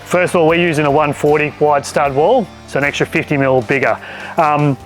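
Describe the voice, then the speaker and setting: A man's voice: fairly high pitch, steady tone, brisk, soft background music, rough recording. An Australian man, a builder, explaining things casually and practically as he presents a site walkthrough. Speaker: builder co-hosting a home-building show.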